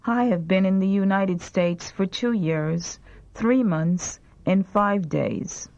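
A woman reads phrasebook sentences for a language course at a very slow, carefully enunciated pace. Her pitch sits in the middle range. The sound is dull and lo-fi, like an old lesson tape. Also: a little mellow. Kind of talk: slow scripted phrasebook drill.

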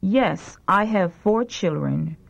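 A woman's voice: mid-range voice, animated, slow pace, gravelly. A woman reading phrasebook lines for a language course, carefully enunciated. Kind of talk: slow scripted phrasebook drill. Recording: dull lo-fi tape recording.

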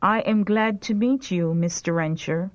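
A woman reads phrasebook sentences for a language course at a very slow, carefully enunciated pace. Her pitch sits in the middle range. The sound is dull and lo-fi, like an old lesson tape. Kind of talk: slow scripted phrasebook drill.

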